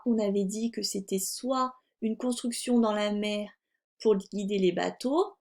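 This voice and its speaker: A woman teacher with a French accent giving a slow, carefully articulated dictation lesson to a young child. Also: medium pitch, vocal fry, a little mellow. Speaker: primary school teacher.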